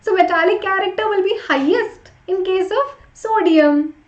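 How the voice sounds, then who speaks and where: A woman's voice: very high voice, normal speed. A woman teaching an interactive live online class, chatting with students and urging them along with short repeated prompts. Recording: roomy echo, slightly dull sound.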